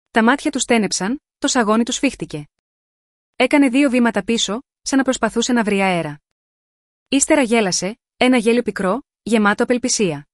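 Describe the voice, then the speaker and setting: A woman reading a scripted first-person romance story in a measured, sensual storytelling manner. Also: a little high, no echo, studio quality.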